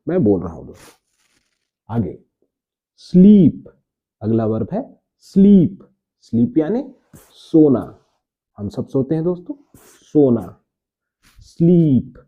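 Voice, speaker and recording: Slow, husky man teaching, tinny sound. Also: medium pitch. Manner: slow, repeats words and spells them out letter by letter; addresses viewers warmly as friends. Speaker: English teacher. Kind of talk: spoken grammar lesson. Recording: tinny phone-like audio.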